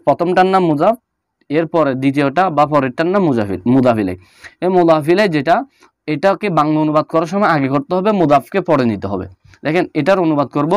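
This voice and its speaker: A man teaching Arabic grammar, going over on-screen notes and repeating each example slowly with fillers. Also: a little high, no room sound, clean studio sound. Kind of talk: explaining on-screen notes in a lesson.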